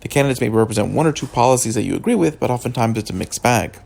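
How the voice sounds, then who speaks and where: This man's medium-pitched voice carries vocal fry and a slightly mellow quality, yet he stays animated. He seems freshly awake and groggy, riffing on politics off the cuff with stops, pauses, and words said twice.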